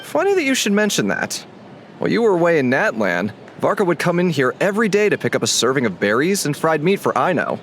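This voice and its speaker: Voicing a friendly male tavern owner in a video game, a man speaks in an easygoing, wry, amused way. His voice is a little high with wildly swooping pitch and a fast pace, and the game dialogue plays over background music with slight background noise.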